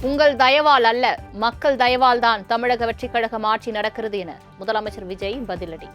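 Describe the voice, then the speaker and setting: Female newsreader, slightly high voice, formal measured delivery, faint music bed. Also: steady tone, a bit bright. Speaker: news anchor. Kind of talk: formal headline reading.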